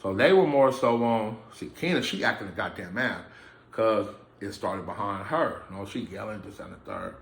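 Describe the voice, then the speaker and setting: A man's voice: lowish voice, moderate pace, gravelly, echoey room. A man vlogging to his camera from a room indoors, telling a personal story in a blunt, streetwise way and swearing freely. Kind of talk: profane casual storytelling. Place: indoor room, filming himself under lights. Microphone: camera mic.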